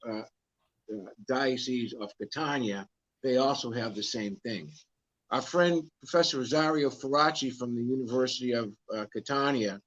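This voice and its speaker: Folksy guy cohosting a live stream, talks to the folks, emphatic, kinda dull lo-fi audio. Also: medium pitch. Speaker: co-host of a live Q&A, nonprofit organizer. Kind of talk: casual live-stream talk.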